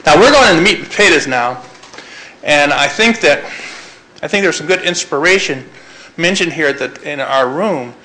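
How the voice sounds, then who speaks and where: A man's voice: fairly high pitch, lively intonation, normal speed, pushed and bright, a little hiss or hum, low-quality recording. A man leading a public town meeting who talks in long, rambling sentences and often restarts his phrases.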